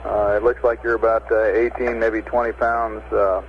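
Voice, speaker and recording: A man calling a spacecraft from mission control over a breaking-up radio link, calm and matter-of-fact with hesitant fillers. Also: on the low side, moderate pace. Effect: breaking-up space radio transmission. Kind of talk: clipped radio procedure talk. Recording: muffled lo-fi 1960s radio with faint hiss.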